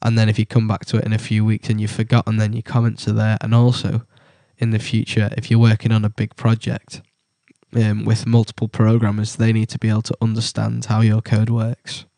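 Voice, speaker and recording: A young British man with a cold talks through a coding tutorial, stopping often with ums and likes. His voice sits low and flat with a mellow tone. The sound is dry and close. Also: gravelly, dry recording. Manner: halting, many ums and likes. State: has a cold. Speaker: tutorial presenter. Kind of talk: casual screen-recorded coding tutorial.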